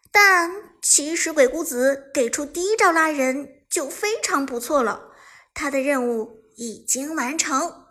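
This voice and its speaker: A woman narrates a novel set in a competitive video game tournament. Her voice sits high, and her delivery is animated, rising sharply on the action beats. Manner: lively storytelling, bursts into fast shouted game commentary. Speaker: audiobook narrator. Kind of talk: scripted narration of a web novel.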